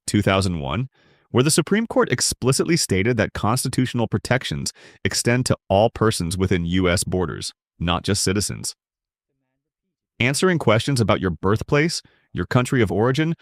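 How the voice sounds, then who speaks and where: A man giving scripted narration that explains legal rights in a measured, emphatic way. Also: on the low side, very animated, no echo, clean studio sound.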